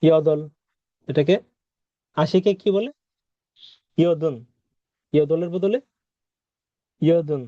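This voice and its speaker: A man with a fairly high but mellow voice teaches a vocabulary lesson. He talks patiently, repeating words and asking the listener questions. The sound is dry and a little dull, as on a lo-fi recording. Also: slow, long pauses, no room sound. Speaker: Korean language teacher.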